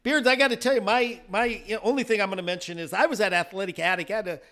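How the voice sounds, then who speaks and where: Excitable high-voiced man telling stories. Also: racing. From South Dakota. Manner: animated storyteller, laughs often, acts out quotes. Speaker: podcast co-host. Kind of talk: casual chat.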